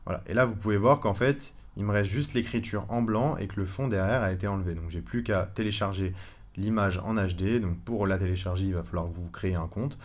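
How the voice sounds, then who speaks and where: A man giving a casual screen-recorded tutorial, chatty and relaxed, with many fillers and self-corrections. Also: sits low, a little fast. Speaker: online course instructor.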